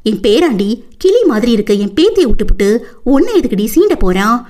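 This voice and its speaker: A woman's voice: a little high, sing-song, normal speed, darkish tone. A woman voicing a fierce old grandmother in an audiobook, scolding and accusing in a scornful tone.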